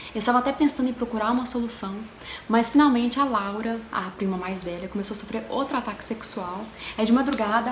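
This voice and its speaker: Woman storyteller, chatty and hushed by turns, roomy echo, noisy background, casual ghost-story telling. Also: mid-range voice. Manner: chatty, addresses viewers directly, drops to a hushed tone for eerie parts. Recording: echoey room with background noise.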